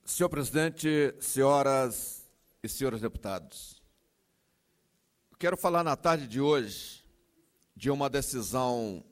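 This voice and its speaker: A man with a Brazilian accent giving a formal parliamentary speech as a legislator, in an emphatic, oratorical manner. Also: mid-range voice.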